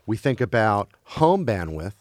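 A man with a lowish voice, chatting loosely about film and streaming. He grew up in Belgium, and he restarts his sentences and hunts for words as he goes. The sound is dry and close. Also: very animated, no echo. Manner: halting, many restarts and fillers.

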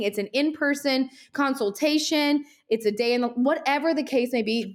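Fast, animated woman podcast host. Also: sits high. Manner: energetic, animated, talks very fast. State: winded. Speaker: podcast host, social media marketer. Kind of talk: fast motivational solo podcast talk.

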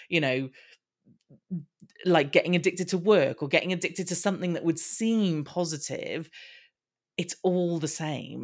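Sounding a little high, a male podcast guest tells candid personal stories in a conversational manner, his speech coming in fast bursts with frequent restarts.

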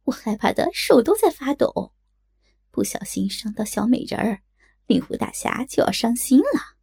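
A cruel, shrill-voiced outlaw man, as a woman narrator puts him on, who cackles and taunts with a gravelly, husky edge. His pitch swings widely as he sneers. Told in an audiobook story. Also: big pitch swings, normal speed, dark tone, dry recording, studio quality, exaggerated voice. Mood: mocking.

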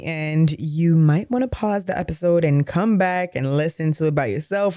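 A podcast host playfully rates how steamy the episode is, in a chatty, teasing way. The voice is mid-pitched and the recording is close and dry. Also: darkish tone, dry recording. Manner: playful, chatty segment intro.

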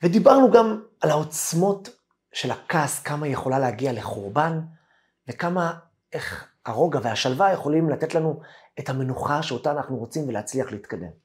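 A man teaching a Torah lesson as a rabbi, telling a long story and acting out what each person said. His pitch jumps around a lot as he tells it, and he does the other people's lines himself. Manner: animated storyteller acting out quoted dialogue.

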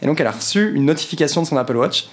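A young man giving a quick, theatrical recap as a radio columnist, with mock announcer flourishes. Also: on the high side, lively intonation. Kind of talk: scripted political recap.

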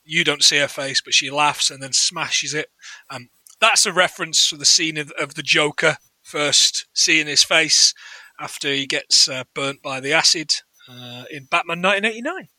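A man's voice: a little high, normal speed, bright, forceful tone, dry recording. A man co-hosting a podcast in casual chat, laughing often as he retells scenes. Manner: giggly, retells scenes and quotes lines. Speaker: podcast co-host.

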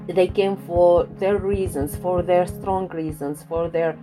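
A woman's voice: fairly low pitch, fairly even intonation, slow. A woman from Syria, giving an earnest personal testimony and searching for her words. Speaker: refugee storyteller and co-producer. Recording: loud music bed under speech.

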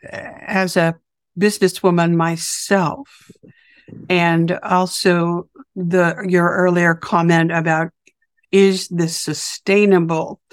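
A woman interviewing a guest, with a raspy morning voice, affirming and searching for words as she talks. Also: fairly low pitch, no room sound, clean studio sound. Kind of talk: interview conversation.

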